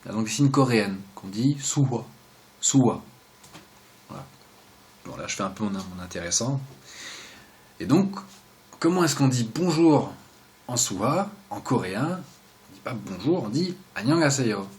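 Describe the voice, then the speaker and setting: A young man talks through a relaxed video lesson in a chatty, joking way. His voice sits at an ordinary middle pitch, and he often trails off into quiet asides between explanations. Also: measured pace, pauses often. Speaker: video host teaching sign basics.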